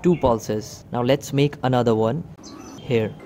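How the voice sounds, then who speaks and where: A man's voice: medium pitch, a little slow, dark tone, a little hiss or hum. A man giving a hands-on product demonstration outdoors, talking viewers through each step and calling them "guys". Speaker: electronics video host. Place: outdoor table beside plants.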